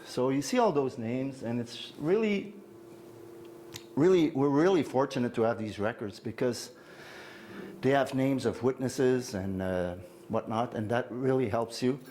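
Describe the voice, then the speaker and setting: A man's voice: medium pitch, unhurried, dark tone, slight background noise. A retired older man from Quebec City giving an informal talk on genealogy, rambling with personal asides and frequent fillers. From Quebec City, Canada. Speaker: guest speaker on family genealogy. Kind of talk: informal lecture. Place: meeting hall with an audience.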